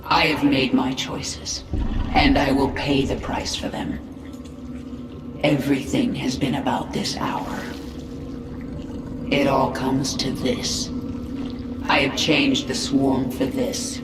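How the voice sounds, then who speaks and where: A woman's voice: rumbling low, level tone, slow pace, pauses often, background noise, full character voice. An actress playing a vengeful, commanding alien queen in a video game, intense, imperious and menacing. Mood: brooding menace. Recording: echoey and distant, loud music.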